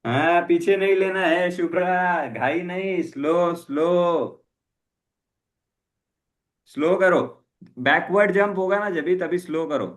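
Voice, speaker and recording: A man's voice: high-pitched, measured pace, few pauses. A man coaching a live jump rope class, mixing Hindi and English and repeating short commands. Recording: echoey room.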